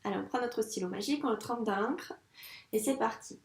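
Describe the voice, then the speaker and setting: A woman primary school teacher with a voice on the high side patiently encourages a young child through a handwriting lesson. She says each sound slowly as she writes it. The room is echoey and the mic sits at a distance.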